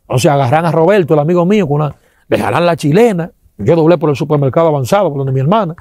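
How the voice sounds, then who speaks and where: Dominican guy telling his testimony real fast, acts out the sounds, kinda dark voice. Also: on the high side, animated, no room sound, clean studio sound. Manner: acts out sounds and quotes, religious exclamations. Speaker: interviewee giving a testimony. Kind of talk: animated storytelling testimony.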